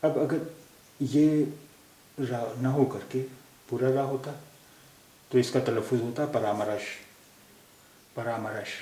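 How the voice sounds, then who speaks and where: A man teaching a language lesson, repeating each word slowly to show how it is pronounced. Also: mid-range voice, fairly even intonation, dark tone. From India. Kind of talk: slow explanatory lesson. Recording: echoey room with faint hiss.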